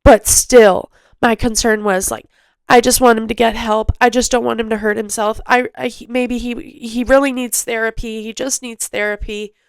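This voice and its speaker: A young woman hosting a podcast, telling a personal story in an emotional, halting way with many restarts. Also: fairly high pitch, fairly even intonation, creaky, clean tone, no room sound. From Canada. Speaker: podcast host.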